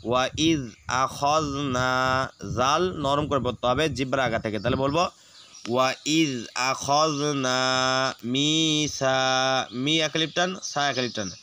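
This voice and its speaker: A man teaching Quran recitation, explaining rules quickly and then reciting words slowly and drawn out. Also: mid-range voice, pushed and bright, slight background noise. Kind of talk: spelling-out recitation lesson.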